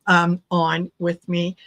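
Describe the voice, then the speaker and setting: Middle-aged lady tarot streamer, originally from croatia, slow and a bit low, lots of ums, chatting with her viewers. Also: fairly bright tone. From Croatia, raised in Canada. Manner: chatty, hesitant with frequent ums and restarts, laughs easily. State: recovering from low blood sugar, tired. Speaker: tarot reader and livestream host. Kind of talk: casual livestream chat with viewers.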